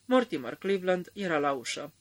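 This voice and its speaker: A man narrating a radio drama in a calm, measured storytelling manner. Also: sits high.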